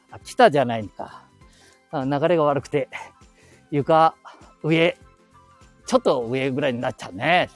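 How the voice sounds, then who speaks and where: A man's voice: on the high side, a little mellow. An older man with a Nagoya-area accent gives casual, rambling walking commentary in folksy dialect, his voice muffled through a face mask. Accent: Nagoya-area Japanese (Aichi). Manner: chatty, folksy dialect, thinking aloud. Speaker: vlogger. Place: outdoors, walking through town streets.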